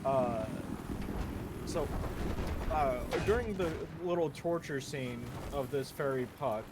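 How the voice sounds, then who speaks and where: While playing a game, a man loosely recaps the plot of a manga, stumbling along with plenty of fillers, restarts and swearing. His pitch is medium, and loud gunfire and explosions from the game fill the noisy background.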